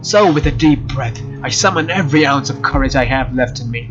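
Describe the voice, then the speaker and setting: Over game music, a let's player with a medium-pitched, animated voice talks fairly quickly, though the audio sounds dull. He reads the game's text out loud and throws in casual, joking side comments.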